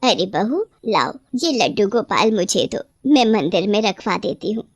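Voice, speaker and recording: A woman's voice: medium pitch, animated, moderate pace, no room sound, studio quality. A woman voicing a caring, fussing mother-in-law in a cartoon story.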